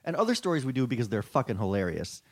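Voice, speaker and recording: A man's voice: medium pitch, big pitch swings, quick pace. A man hosting a podcast, chatting casually with a sarcastic, joking delivery. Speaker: podcast host. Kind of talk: casual comedic chat.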